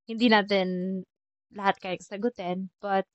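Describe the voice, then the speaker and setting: A woman from the Philippines giving a casual French lesson, chatty and repeating example words slowly. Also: medium pitch, fairly even intonation, dry recording, dull audio. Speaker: French teacher.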